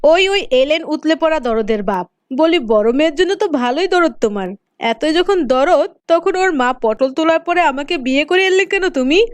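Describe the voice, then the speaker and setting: A spiteful cartoon stepmother snaps and sneers in a high voice. The recording is dry and close, with no room sound. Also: expressive, moderate pace, no room sound. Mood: scolding, spiteful. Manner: sharp, sneering scolding. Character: cruel scolding stepmother, middle-aged woman. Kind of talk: cartoon voice acting.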